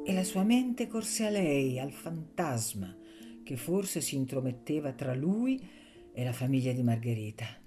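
A woman narrating a novel as an audiobook with measured storytelling. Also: rumbling low, big pitch swings, over music.

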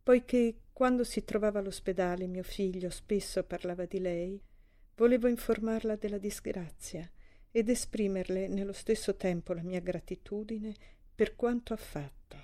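A woman's voice: mid-range voice, moderate pace, natural voice. Woman voicing a composed grieving mother. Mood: restrained grief. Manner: calm, quiet and restrained. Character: grieving middle-aged mother, composed and deferential.

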